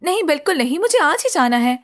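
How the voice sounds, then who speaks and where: A woman's voice: high voice, quick pace. A woman dubbing a drama, playing a stubborn, playful young daughter who coaxes and insists. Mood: coaxing. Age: young adult. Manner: insistent, coaxing, lively. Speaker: daughter about to graduate. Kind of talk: dubbed drama acting.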